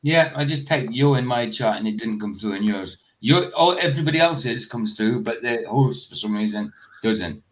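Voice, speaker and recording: A man's voice: medium pitch, expressive, moderate pace, hardly any pauses. A Scottish man from the northeast of Scotland hosting a livestream, chatting in a rambling way and laughing often. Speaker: livestream host. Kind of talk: casual chat.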